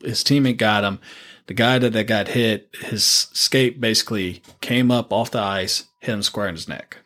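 A man's voice: lowish voice, normal speed, fairly bright tone. A man co-hosting a casual sports podcast, talking loosely with lots of fillers and laughs between points. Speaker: podcast co-host.

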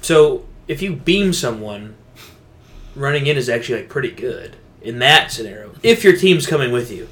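Expressive and a bit bright, this man's medium-pitched voice moves at a moderate pace. As a podcast co-host, he rambles through a laid-back gaming conversation full of slang.

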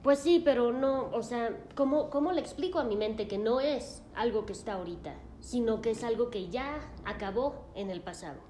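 A woman voicing a distraught grown man, an anxious therapy patient who talks in a halting, self-blaming way. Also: medium pitch, expressive, dark tone, roomy sound, a little hiss or hum, lightly acted. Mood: distressed.

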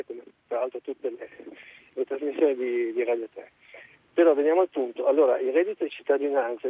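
A man calling in to a radio talk show over the phone, arguing his point earnestly and methodically. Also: medium pitch. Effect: phone line. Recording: tinny phone line, husky.

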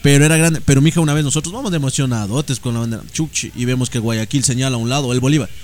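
A man's voice: mid-range voice, very fast. A young man with an Ecuadorian accent, co-hosting a casual podcast chat and animatedly telling school stories, sometimes singing bits of old chants. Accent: Ecuadorian Spanish. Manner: animated storyteller, sings snippets of school chants. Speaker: podcast co-host.

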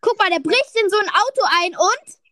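Very high, eager female chatter. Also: brisk, no echo, studio quality. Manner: eager, excitable, interrupts to describe videos. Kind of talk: casual chat on a call.

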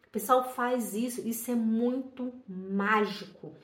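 Lively Brazilian woman teacher, echoey room. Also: fairly high pitch, slow. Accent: Brazilian Portuguese. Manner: lively storytelling, quotes herself and others, many "né?" tags. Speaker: German teacher. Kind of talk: casual spoken lesson to camera.

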